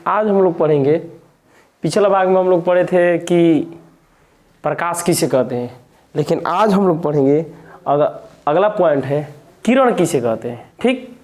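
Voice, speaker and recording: Mellow-voiced teacher quizzing himself aloud. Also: male voice, fairly high pitch, animated, measured pace, long pauses. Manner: repetitive, asks and answers own questions. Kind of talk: classroom physics lesson.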